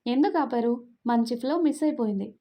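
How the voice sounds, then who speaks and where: A woman's voice: a little high, fast, dark tone. A woman voicing a feisty young woman who scolds and curses sharply, in a storybook reading.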